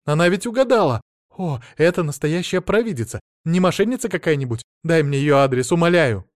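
Brief: man doing a high, excitable young wife, naive and breathless, voice pushed way up. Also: fairly quick, dry recording, clean studio sound. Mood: gushing. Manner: high-pitched, excitable, pleading. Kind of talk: audiobook character voice.

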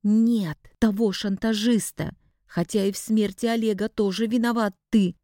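Furious young woman hurling accusations, read by a woman narrator; mellow voice, dry sound. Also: medium pitch, fairly even intonation, moderate pace, no room sound, voice pushed up, close to an everyday voice. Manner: accusing, shouting. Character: angry betrayed young woman.

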